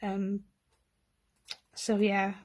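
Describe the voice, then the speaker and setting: A woman poet speaks in a Rhondda, Welsh Valleys accent. Her voice is soft-edged and mellow, with little rise and fall in pitch. She sounds understated and self-deprecating, as at an informal poetry reading. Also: completely flat delivery, very slow. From Rhondda, South Wales.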